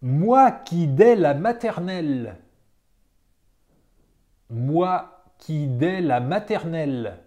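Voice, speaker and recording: A teacher reading a dictation aloud, saying each phrase several times with careful, deliberate phrasing and calling out the punctuation. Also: mid-range voice, animated, warm tone.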